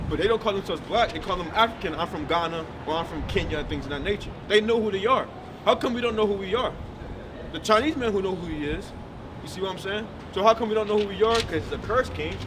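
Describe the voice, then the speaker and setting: Fast and high-pitched, this man delivers an emphatic street sermon, firing questions at the person he's addressing. The recording comes from a distant mic amid loud city traffic.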